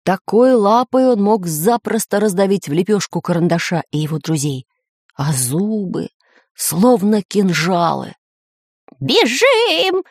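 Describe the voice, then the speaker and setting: A woman narrating a children's storybook in an expressive, animated way. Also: lowish voice, measured pace, husky, dry recording, studio quality. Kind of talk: storybook reading.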